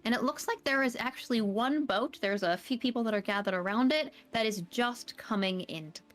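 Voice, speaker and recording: A woman's voice: a little high, fairly quick. A woman narrating a tabletop horror game as game master, describing scenes at length with many fillers.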